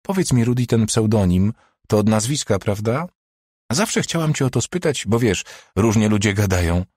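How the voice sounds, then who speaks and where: A man's voice: on the low side, sing-song, moderate pace, creaky, darkish tone, husky, dry recording, clean studio sound, full character voice. A man voicing a cold, sarcastic female police doctor in an audiobook, speaking in a curt, detached way. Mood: teasing. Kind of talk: audiobook character voice.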